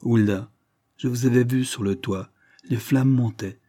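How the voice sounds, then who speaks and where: Male reader doing a sly young farmhand, stubborn, dark and slightly raised. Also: medium pitch, fairly even intonation, a little slow, lightly acted. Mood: pleading.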